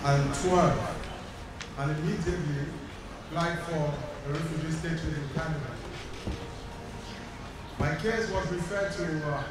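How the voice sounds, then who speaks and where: Man in an echoey church. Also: on the high side. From Cameroon. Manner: measured, deliberate, reading a prepared statement. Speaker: congregant sharing a testimony. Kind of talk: prepared personal testimony at a church service. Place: large church sanctuary. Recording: echoey hall from far off, noisy.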